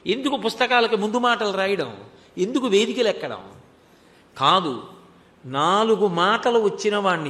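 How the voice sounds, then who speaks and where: A man's voice: high-pitched, bright, forceful tone. A man giving a devotional discourse. He tells a story in an emphatic way. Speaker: devotional speaker. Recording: long hall reverb.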